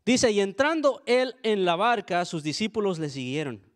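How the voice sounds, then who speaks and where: A man's voice: high-pitched, big pitch swings, moderate pace. A young adult man, a pastor, preaching a sermon in an earnest, conversational way, often turning to his listeners with asides.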